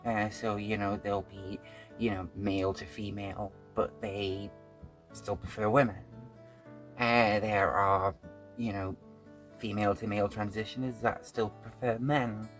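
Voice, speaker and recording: A woman's voice: very deep voice, fairly even intonation, a little slow, soft background music. A woman hosting a casual reaction video, talking frankly with plenty of fillers and restarts. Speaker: host.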